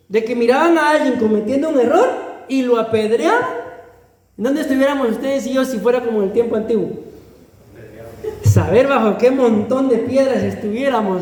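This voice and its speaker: A man's voice: extremely high pitch, a little mellow. A male pastor with a Guatemalan accent preaching a sermon in a conversational way, often calling the listeners brother and laughing lightly between phrases. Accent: Guatemalan Spanish. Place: church hall. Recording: echoey church hall with long reverb.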